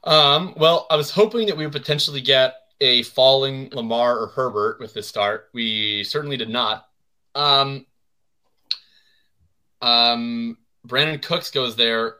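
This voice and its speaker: Male podcast host, very bright tone, easygoing chat with ready laughs. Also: medium pitch, measured pace. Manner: chatty, laughs easily. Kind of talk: casual fantasy football chat.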